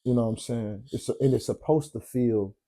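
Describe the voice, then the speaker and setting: Laid-back man with a dark, mellow voice. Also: mid-range voice, moderate pace. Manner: laid-back, rambling, searches for words. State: tired, yawning. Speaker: podcast host. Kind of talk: casual late-night chat.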